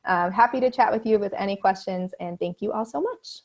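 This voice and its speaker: A woman's voice: mid-range voice, a little fast. A woman representing a university, giving an upbeat, chatty webinar presentation from home over a video call.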